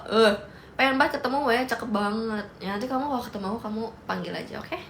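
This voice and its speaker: A woman's voice: fairly high pitch, quick pace, a bit bright. A young woman, hosting a casual livestream, reading and answering comments in a playful, teasing way and mixing in English. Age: young adult. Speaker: livestream host. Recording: echoey room with faint noise.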